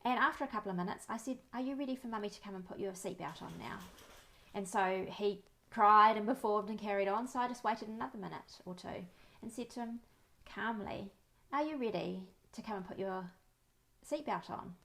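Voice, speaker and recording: A woman, in her thirties, talks to camera as a parenting educator. Her voice sits at a middle pitch, and she speaks in a friendly, calm, reassuring way, telling little stories from her own life. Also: a little fast. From New Zealand. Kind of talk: talking-to-camera advice.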